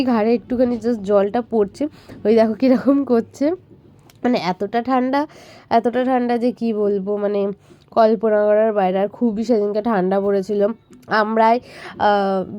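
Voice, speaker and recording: Young woman, hoarse from a cold, bengali accent, chatty vlog voice-over, warm mellow tone. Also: medium pitch. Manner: chatty, rambling, many fillers. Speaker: vlogger. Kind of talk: casual voice-over narration.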